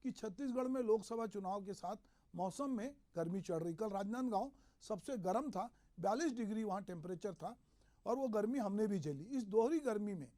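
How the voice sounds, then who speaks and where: A man hosting a news show, giving measured, explanatory commentary on politics. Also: high-pitched, a little mellow. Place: regional news studio.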